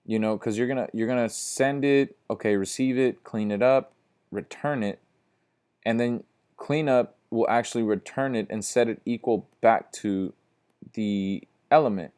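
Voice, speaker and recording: A man's voice: mid-range voice, a little mellow, clean tone. A man teaching a programming class, walking through code step by step in a casual, repetitive way, sleepy and yawning. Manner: casual, talks to viewers as guys, repeats steps slowly. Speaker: instructor.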